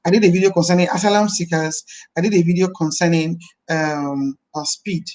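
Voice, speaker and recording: On a live stream, a thirtysomething woman minister talks in a friendly way, her voice deep this morning. She repeats phrases and blesses viewers at a slightly quick pace, her steady tone a touch mellow, with a faint hiss or hum in the audio.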